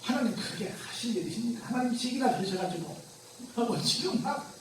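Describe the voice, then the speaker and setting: A man's voice: very high-pitched, lively intonation, a little fast, recorded from a distance, noisy background. A male pastor preaching a sermon in a conversational way, firing rhetorical questions at the congregation. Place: church sanctuary. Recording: very echoey church room from afar.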